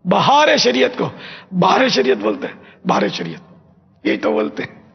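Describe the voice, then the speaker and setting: An older man, a religious scholar from Pakistan, gives an emphatic teaching talk to a gathering and repeats phrases slowly as pronunciation drills. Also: high-pitched, huge pitch swings, vocal fry, husky. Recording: echoey hall, dull lo-fi sound.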